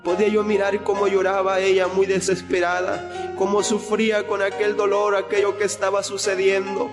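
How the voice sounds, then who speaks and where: Young man, high and flat delivery, earnest testimony, echoing hall with faint music behind. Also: moderate pace. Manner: earnest, retelling with repeated phrases. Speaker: person giving a testimony. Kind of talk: spoken religious testimony.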